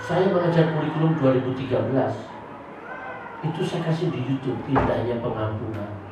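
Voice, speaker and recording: A male pastor preaching a sermon to his congregation, jumping into loud high bursts and making humorous asides. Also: normal speed. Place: church service held in a hotel hall. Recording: echoey hall, distant mic, noisy.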